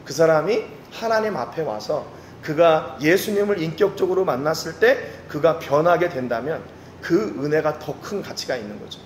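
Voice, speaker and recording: A man's voice: a little high, animated, normal speed. A man preaching a sermon as pastor. He speaks earnestly, repeats key phrases for emphasis and addresses the congregation directly. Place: church service. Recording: roomy echo with faint background noise.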